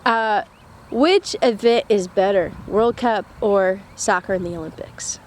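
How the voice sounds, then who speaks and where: A woman interviewing a coach, answering with short, upbeat reactions and asking quick questions. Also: medium pitch. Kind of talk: casual interview. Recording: outdoor recording with faint traffic noise.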